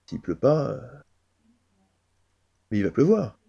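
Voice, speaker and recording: A man's voice: on the low side, quick pace, gravelly, dark tone, slightly rough, muffled recording. A man playing a small-town frontier grocer who frets aloud in mumbled, worried questions. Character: old-west village grocer, fretting about the rain.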